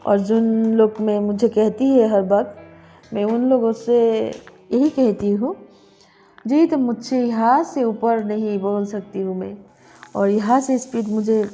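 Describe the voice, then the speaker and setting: A middle-aged woman chatting casually in her home kitchen as she cooks, speaking slowly and deliberately with pauses. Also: fairly high pitch, warm tone. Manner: slow, deliberate talk with pauses. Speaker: cooking vlogger. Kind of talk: casual cooking vlog chat.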